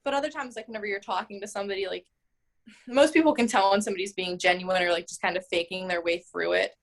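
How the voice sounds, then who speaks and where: Answering interview questions fast, a mayoral candidate in her twenties talks in a medium-pitched voice. She's chatty, says "like" and "um" a lot, and laughs easily.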